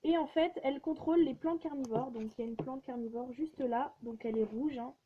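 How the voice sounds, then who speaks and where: A woman's voice: high-pitched, brisk. A teenage girl chatting casually and rambling as she shows her drawings, with many fillers and restarts. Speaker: vlogger showing her drawings. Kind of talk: casual chat. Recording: dull lo-fi sound with faint noise.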